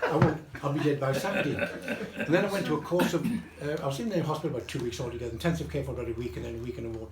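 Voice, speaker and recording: A man's voice: mid-range voice, very fast, hardly any pauses. A man in his nineties giving a rambling, chuckling birthday speech full of anecdotes, with a lot of repetition. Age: 90s. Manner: rambling, repeats himself, chuckles while telling stories. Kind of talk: after-dinner anecdotal speech. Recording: roomy echo with loud room noise.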